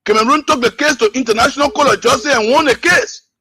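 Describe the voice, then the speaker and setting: A man's voice: very high voice, fast talker, bright, forceful tone, husky. A man from Liberia calling in to a radio talk show, arguing with rhetorical questions over a phone line. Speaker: caller. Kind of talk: call-in radio political commentary.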